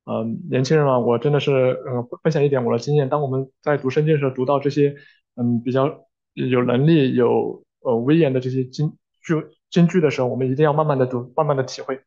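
A man interpreting a sermon live, with fillers and quick self-corrections. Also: mid-range voice, steady tone, dark tone, dull audio.

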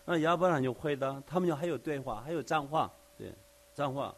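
A man with a rather high voice moves briskly through a conversational Bible study sermon. He explains the verses one by one using everyday examples and frequently asks his listeners rhetorical questions.

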